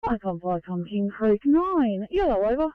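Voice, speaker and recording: A woman's voice: medium pitch, sing-song, normal speed, no room sound. A woman working as an emergency dispatcher, speaking in clipped radio procedure over a walkie-talkie. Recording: narrow, tinny two-way radio transmission.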